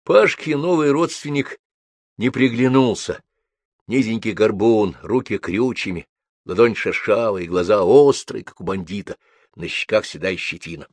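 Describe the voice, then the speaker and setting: A man narrating a novel aloud in a measured, even storytelling manner. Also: on the low side, no echo. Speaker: audiobook reader.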